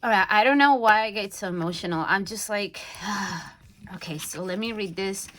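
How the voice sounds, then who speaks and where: A woman's voice: mid-range voice, normal speed, fairly bright tone. Bubbly young woman vlogger. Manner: bubbly, gushing, many fillers and restarts. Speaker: budgeting vlogger. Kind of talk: casual unboxing chat.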